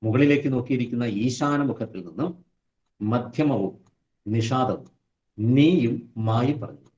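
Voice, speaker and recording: A man giving a devotional scripture lesson who recites verses slowly and then explains them. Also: mid-range voice, mellow, highs cut off. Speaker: spiritual teacher.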